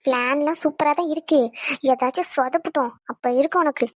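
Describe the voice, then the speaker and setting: [name], woman doing a scheming high bride. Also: brisk, no echo, studio quality, close to an everyday voice. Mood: threatening. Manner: sweet-talking, sharp-tongued. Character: scheming young bride who fakes tears. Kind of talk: cartoon voice acting.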